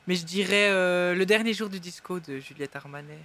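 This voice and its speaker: A man's voice: sits high, brisk, a bit bright. A man, chatting as a guest singer in an interview in a restaurant, enthusiastic and rambling with many restarts. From Belgium. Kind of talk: casual interview chat.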